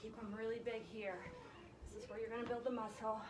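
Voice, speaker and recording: A woman fitness instructor leading a workout live, counting and giving short encouraging instructions, a little breathy from exertion. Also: a little high, flat delivery, fast talker. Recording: echoey, distant mic, loud background noise.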